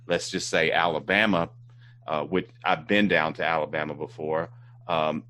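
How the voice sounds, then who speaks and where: A man's voice: a bass voice, fairly even intonation, moderate pace, sharp tone, a little hiss or hum. A man from Indiana hosting a casual interview, rambling with many fillers and restarts. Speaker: talk show host.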